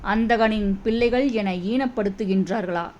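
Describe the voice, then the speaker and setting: A woman's voice: medium pitch, a little slow, a little mellow, natural voice. A woman reading the lines of an anxious, irritable old blind king, in a trembling, questioning way, on a dull recording with faint noise behind.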